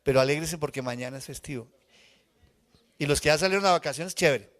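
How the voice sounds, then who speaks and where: This pastor's voice runs on the high side, fast and fairly bright, as he delivers a live sermon to a congregation in the church sanctuary. Emotionally recounting a personal experience, he keeps asking the congregation questions.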